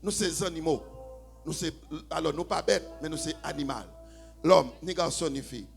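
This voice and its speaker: A man with a Haitian accent preaching a sermon in church, swinging from low, quiet talk to shouted, half-sung preaching. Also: moderate pace, creaky, faint music behind. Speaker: pastor. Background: faint keyboard.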